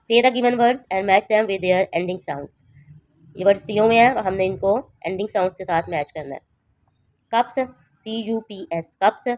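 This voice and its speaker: A woman teacher giving an English lesson for young children, spelling words letter by letter and reading the English slowly before translating it. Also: mid-range voice, darkish tone, no room sound, poor audio. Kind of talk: home-tuition English lesson.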